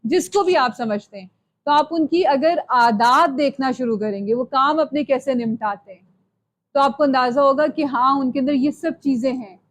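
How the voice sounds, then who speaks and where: Female lecturer with a high voice, chatty and conversational, checks in with "okay?" often. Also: normal speed. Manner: conversational teaching, mixes English phrases, asks "ठीक है?". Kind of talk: live Islamic lecture to young women. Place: lecture hall.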